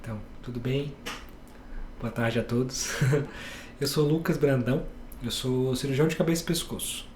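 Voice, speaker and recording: Male surgeon guest from Bahia, patient explainer, average pitch, echoey room recording. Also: moderate pace. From Bahia, Brazil. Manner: calm, explains step by step with plain examples. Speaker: head and neck surgeon guest. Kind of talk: explanatory podcast interview.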